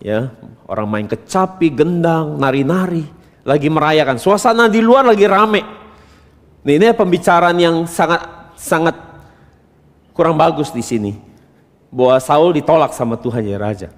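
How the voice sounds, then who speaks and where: A man's voice: on the high side, normal speed, pauses often. Man preaching in a reverberant hall. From Indonesia. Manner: animated preaching, rhetorical questions, rising to loud emphatic bursts. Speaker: pastor. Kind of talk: sermon.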